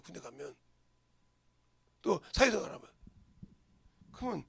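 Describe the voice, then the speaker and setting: Older pastor with a very gravelly voice. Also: male voice, a little high, no echo. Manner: emphatic, swinging between loud outbursts and murmurs; rhetorical questions. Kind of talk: sermon.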